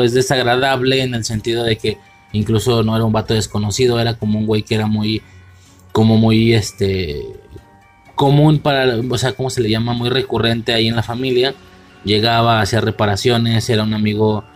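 A young man with a Mexican accent giving a rambling, slang-heavy spoken film commentary, often correcting himself, with faint music underneath. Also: mid-range voice. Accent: Mexican Spanish. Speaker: podcast host reviewing a film. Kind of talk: casual solo commentary.

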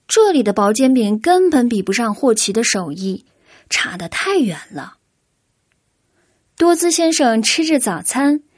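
A woman storyteller reading a children's storybook aloud in a gentle, unhurried way. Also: on the high side, no echo, studio quality.

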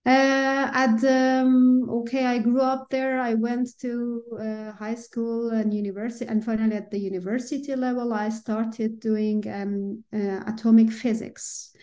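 A middle-aged woman from Iran, a physicist speaking as a podcast guest in a relaxed, hesitant way with many fillers and light laughs. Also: on the high side, a little slow, hardly any pauses. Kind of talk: conversational interview.

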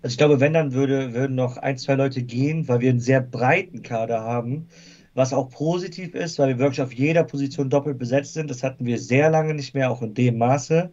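A man's voice: medium pitch, a little fast, a little mellow, lo-fi sound. A man talking football casually as a guest fan, thoughtful and hesitant with frequent fillers.

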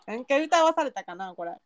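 A woman's voice: sits high, no echo. A young woman with a Kansai accent, co-hosting a casual chat podcast and laughing often. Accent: Kansai Japanese. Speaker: podcast co-host.

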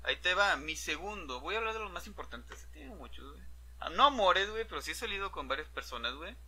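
A man's voice: high voice, expressive, fast talker, bright, forceful tone, slightly rough. A young man with a Mexican accent telling a personal story in a casual, profane chat, dropping slang fillers constantly. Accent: Mexican Spanish. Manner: profane, slangy, tags nearly every phrase with a filler.

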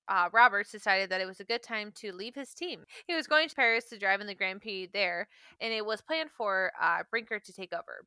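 Woman, podcast co-host, bright voice, smooth and crisp, dry close sound, jokey asides. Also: mid-range voice, dry recording. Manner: laughs often, jokey asides. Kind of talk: casual history podcast chat, reading notes.

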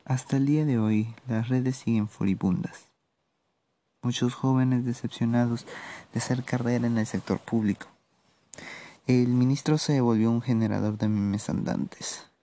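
A man with a very dark, mellow voice and a Peruvian accent delivers a solo commentary as a podcast host. He speaks slowly, in a measured and sardonic manner, often pausing as he goes. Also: mid-range voice, steady tone. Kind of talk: solo political commentary monologue.

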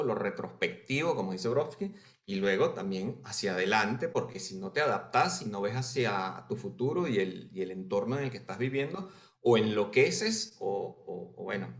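A man's voice: on the low side, roomy sound. A Venezuelan man, a writer, answering interview questions thoughtfully with many hesitations and tag questions. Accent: Venezuelan Spanish with Argentine touches. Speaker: writer guest.

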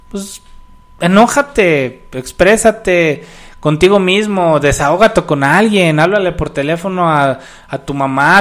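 A man speaks in a slightly high voice. He explains his points patiently and throws in playful asides during casual talk. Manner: explanatory, adds jokey asides. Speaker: podcast co-host. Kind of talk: casual chat.

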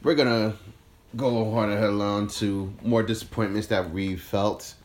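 A man's voice: on the low side, measured pace. A man in his thirties with a New York accent, hosting a casual podcast chat and acting out quotes in a raised voice. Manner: animated, acts out quotes in raised voice. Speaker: podcast host.

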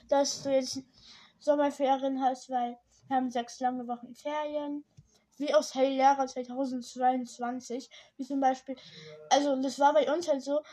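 This podcast host is a young teen girl with a high, warm voice. Talking alone on a casual show, she rambles in slangy speech, keeps correcting herself, and sounds a little slurred because of her braces.

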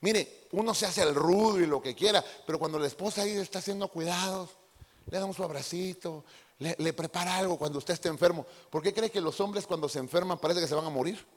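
Pastor de voz aguda en una iglesia resonante. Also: male voice, sits high, quick pace, long reverb tail. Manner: playful, addresses the congregation directly. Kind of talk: lively sermon with acted-out impressions. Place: church hall.

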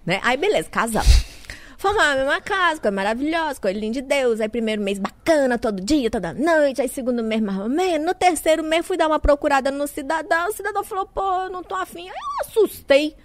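A woman interviewer telling stories with animated energy. Her voice sits a little high and swings widely in pitch. The sound is dry and close. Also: quick pace, dry recording. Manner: lively, animated storyteller. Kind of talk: casual chat.

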